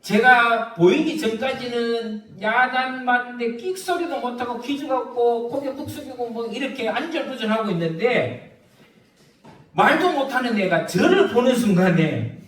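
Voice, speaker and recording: Male pastor preaching, high lively voice, animated storytelling, rhetorical questions, echoey church hall, heard from a distance. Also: unhurried, a little hiss or hum. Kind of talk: sermon.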